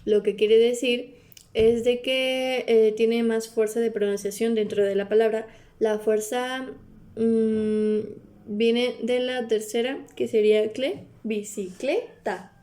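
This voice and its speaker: A woman's voice: fairly high pitch, level tone, slow, dark tone. A woman giving a class presentation, reading with hesitations, fillers and frequent self-corrections.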